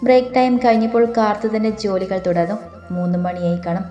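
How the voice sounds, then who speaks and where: A woman narrating a romance story aloud in a steady, even reading voice. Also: mid-range voice, quick pace, highs cut off. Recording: echoey room with faint music.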